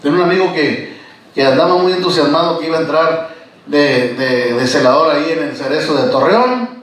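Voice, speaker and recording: A man's voice: a little high, lively intonation, brisk, fairly bright tone. A man preaching a sermon, telling stories and often calling out to his listeners as brothers. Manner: storytelling, keeps addressing listeners as brothers. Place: church. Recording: echoey church recorded from far off.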